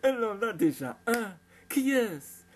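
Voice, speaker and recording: Un homme qui joue un jeune frère moqueur et exubérant. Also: male voice, a little high, animated, normal speed, darkish tone, a little hiss or hum. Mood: excité. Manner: mocking, exuberant. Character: teasing young adult brother.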